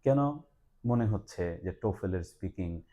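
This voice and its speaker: A man with a Bangladeshi Bengali accent hosts a promotional interview for a language institute as its TOEFL instructor. His voice sits fairly low, with a dark, mellow tone. He moves easily between Bengali and English and fills gaps with "ah". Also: normal speed. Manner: talks in a relaxed mix of Bengali and English, with frequent "ah" fillers.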